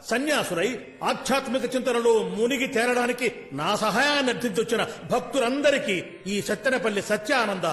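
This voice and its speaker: Pompous fake swami, telugu accent, really high voice, echoey hall. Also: male voice, a bit bright. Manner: pompous, sing-song preaching. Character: showy fake holy man blessing followers.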